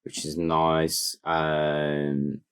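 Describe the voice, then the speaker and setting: Very deep-voiced laid-back man. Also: completely flat delivery, extremely slow, fairly bright tone, clean tone. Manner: laid-back slang-heavy banter. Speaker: podcast co-host. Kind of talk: casual chat.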